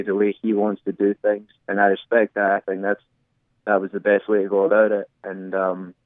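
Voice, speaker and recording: A young Scottish man with a thick accent and a lowish voice chats casually over the phone in an interview as a soccer player. The call sounds tinny and narrow, with no room sound.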